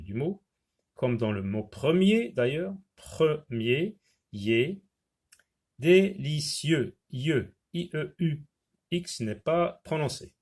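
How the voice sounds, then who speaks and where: A man teaching an early reading lesson, sounding out words syllable by syllable and repeating each one carefully. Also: on the high side. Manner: slow, syllable-by-syllable reading drills. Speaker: primary school teacher.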